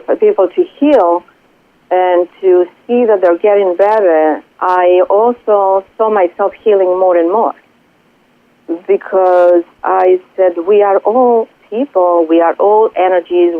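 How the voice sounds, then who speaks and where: A Greek-accented woman from Greece, a spiritual coach and Reiki healer, speaks earnestly but haltingly as a radio interview guest, full of pauses and fillers. Her pitch is medium. It comes over a tinny telephone line, dry with no room sound.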